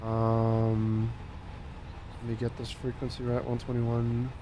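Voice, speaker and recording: A man running a flight sim cockpit, reading checklist items and making radio calls to a controller over a headset mic, halting and full of fillers. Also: mid-range voice, completely flat delivery, noisy background. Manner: slow, halting, with many fillers and restarts. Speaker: flight simulator pilot.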